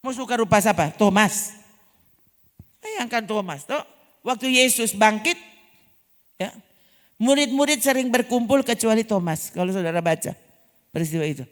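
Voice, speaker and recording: A woman's voice: a little high, normal speed, long pauses. Woman preaching in an echoing hall. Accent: North Sulawesi Manado Malay. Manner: animated preaching, rhetorical questions to the congregation. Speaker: pastor. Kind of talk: sermon. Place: large church hall. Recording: long church hall reverb.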